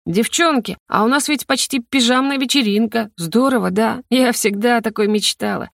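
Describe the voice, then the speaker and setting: Give me a tipsy, gushing young heroine in an audiobook, read by a woman, with a gravelly edge. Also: fairly high pitch, normal speed, fairly bright tone, no room sound, studio quality, pitched above the performer's own voice. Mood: giddy. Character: drunk giggly young woman in a man's body. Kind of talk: audiobook character reading.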